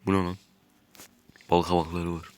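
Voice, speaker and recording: Low-voiced man with a stuffy nose. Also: flat delivery, moderate pace, very noisy. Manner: chatty, thinks aloud while building. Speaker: gaming YouTuber. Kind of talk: casual gameplay commentary.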